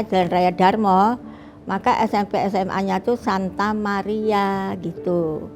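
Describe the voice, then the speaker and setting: A woman in her seventies, a retired eye doctor, recalling her life in a slow, reflective interview with many pauses. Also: mid-range voice, a little mellow. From Bali, Indonesia. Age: 70s. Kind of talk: recorded interview, personal reminiscence.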